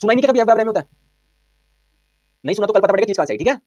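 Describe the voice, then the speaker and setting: Male physics tutor, brisk and quizzing, slightly high voice, dry close sound. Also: animated, darkish tone, dry recording. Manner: brisk, quizzing students with repeated questions. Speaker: physics teacher. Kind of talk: online exam-prep physics lecture.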